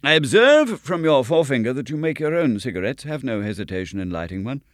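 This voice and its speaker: A man voicing a brisk, confident male detective who speaks in a precise, declamatory way in an audiobook reading. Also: medium pitch, very animated, dry recording, clean studio sound, voice pushed up, natural voice.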